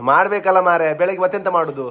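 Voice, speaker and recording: A young man, teasing his family with rapid questions in a playful vlog chat. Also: high voice, fairly bright tone. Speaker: vlogger interviewing family members.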